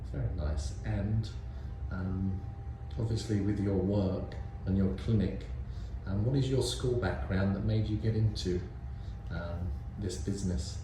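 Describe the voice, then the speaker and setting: A man hosting an interview, asking relaxed questions with fillers. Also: low voice, unhurried, noisy background. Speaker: interviewer host. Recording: very echoey room.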